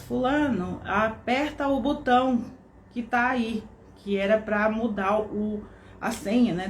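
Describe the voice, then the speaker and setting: In an echoey room with faint background noise, a woman with a mid-range, darkish voice and a Brazilian Portuguese accent delivers an online course lesson. She walks through the material step by step, frequently using tag questions to check in.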